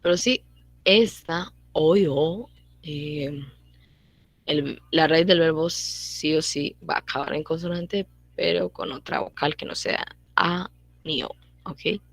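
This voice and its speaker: A young woman giving a casual online grammar lesson, repeating her points and checking in with quick tag questions. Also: low-pitched, gravelly, no echo. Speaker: language teacher.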